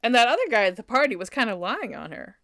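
Bright, crisp young woman, casual recap co-host, animated delivery, dry close sound. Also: on the high side, fast talker, no room sound. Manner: animated, shouts quoted lines, self-deprecating jokes.

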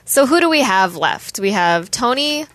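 Playful, lively-voiced female podcast co-host. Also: fairly high pitch, normal speed, dry recording. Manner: playful, giggly. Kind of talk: casual podcast chat.

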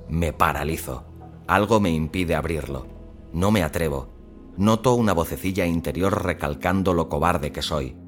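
A man reading a first-person suspense story in a measured, tense storytelling manner. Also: sits low. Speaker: narrator.

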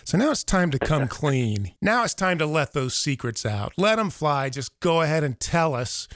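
A man's voice: on the high side, very animated, normal speed, no room sound. American male podcast host, dry sound. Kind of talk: podcast hosting, interviewing.

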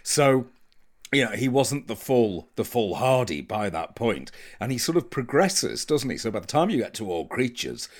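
A man's voice: medium pitch, big pitch swings, moderate pace. A man co-hosting a podcast in casual chat, wry and playfully opinionated. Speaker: podcast co-host.

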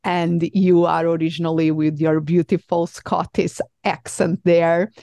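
A woman's voice: fairly low pitch, flat delivery, unhurried, gravelly, warm tone, dry recording. A woman from Portugal with a Portuguese accent, hosting an interview in a hesitant way with many fillers and restarts. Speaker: podcast host. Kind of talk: conversational interview.

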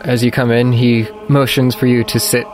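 A man's voice: medium pitch, flat delivery, normal speed, faint music behind. A man narrating a tabletop game as game master, describing scenes for his players.

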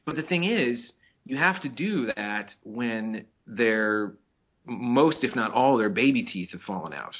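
A man's voice: medium pitch, lively intonation, unhurried, highs cut off. A middle-aged man co-hosting a casual podcast chat, playful and talkative, sometimes acting out his pets in little voices. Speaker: podcast co-host.

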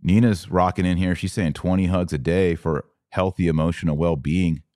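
On a casual livestream, a man acting as podcast host answers live viewer comments in an emphatic, slangy, informal manner. His low, dark voice keeps fairly even intonation at a normal speed, captured in studio quality without echo.

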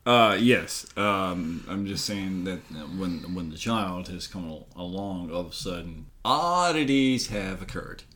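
A man voicing a fussy, overly polite gentleman who stammers and hedges in a tabletop game. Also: sits low, animated, a little slow, hardly any pauses, a little hiss or hum, pitched below the performer's own voice. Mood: hesitant.

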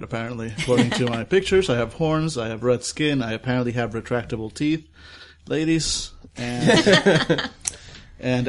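A man casually introducing his tabletop character in a halting, wry way. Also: medium pitch. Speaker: tabletop player.

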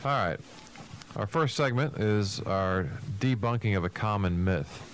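A man's voice: fairly low pitch, expressive, a little slow, slight background noise. A man co-hosting a casual radio talk show as a business coach, speaking informally and rhetorically.

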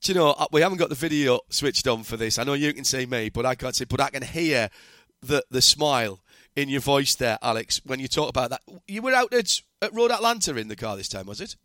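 A man's voice: medium pitch, lively intonation, brisk, bright, forceful tone, dry recording, clean studio sound. A man hosting a motorsport interview, chatty and asking long, rambling questions. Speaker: podcast host, interviewer. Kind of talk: conversational interview.

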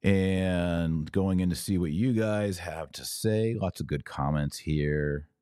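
Hosting a religious podcast, a man argues a point of faith to his viewers in emphatic, short declarative phrases during a live apologetics talk that answers viewer comments. His low, mellow voice moves slowly, and the studio-quality sound is clean with no echo.

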